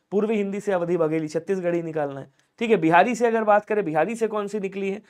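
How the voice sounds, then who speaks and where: A man teaches a live online lesson for exam candidates. He keeps urging viewers to comment quickly and asks questions that he then answers himself. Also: high-pitched. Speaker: Hindi teacher for police exam prep.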